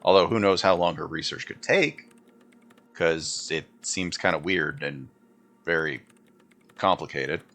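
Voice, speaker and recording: A man's voice: low voice, unhurried, pauses often, a bit bright. A man giving casual gameplay commentary, thinking aloud informally and reading dialogue options out. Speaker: game streamer.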